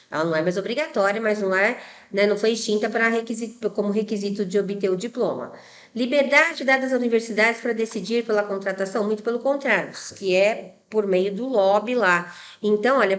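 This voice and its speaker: A woman from Brazil, an exam prep teacher, going through test answers step by step and checking often that her students follow. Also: mid-range voice. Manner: didactic, many tag questions, spells out rules step by step.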